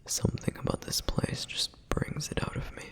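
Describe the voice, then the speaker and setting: At a moderate pace and with a light touch of acting, a man whispers as a dutiful male flame demon bent on protection in an ASMR roleplay. The tone is soft, wistful, and reflective.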